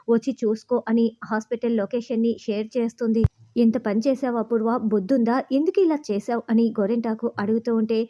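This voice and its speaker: Woman narrator, higher pitch, dark mellow tone, scripted serial recap, all quotes read in one voice. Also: lo-fi sound.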